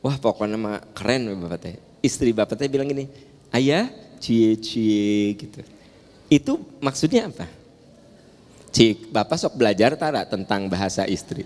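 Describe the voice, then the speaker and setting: Sundanese preacher in an echoing mosque. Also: male voice, on the low side, sing-song, normal speed, darkish tone. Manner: playful, teasing the audience with jokes and questions. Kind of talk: humorous sermon to a mosque audience. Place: large mosque hall. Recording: long hall reverb in a large mosque.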